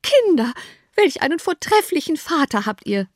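A woman reading an audiobook, voicing an excitable, easily upset middle-aged mother with shrill, high-strung outbursts. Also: moderate pace, dry recording, clean studio sound. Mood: gushing. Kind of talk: audiobook character voice.

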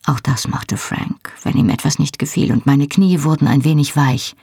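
A woman reads a first-person novel in measured storytelling. Her voice is low and husky, with a gravelly fry. The recording is close and dry. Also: dark tone, no room sound. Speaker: audiobook narrator.

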